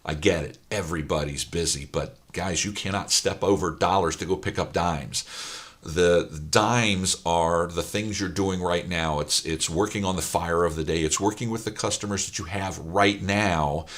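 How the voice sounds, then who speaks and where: This direct-to-camera talk comes from a middle-aged auto repair shop business coach from Ohio, USA, whose voice is raspy and hoarse from a weekend of speaking. He talks at a moderate pace in a low, slightly bright voice, emphatic, repeating points and leaning on fillers.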